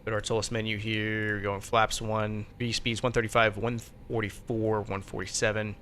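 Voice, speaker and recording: A man's voice: flat delivery, moderate pace, fairly bright tone. A man streaming as a virtual pilot, casually thinking aloud and muttering to himself as he works through steps. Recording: faint background noise and low rumble.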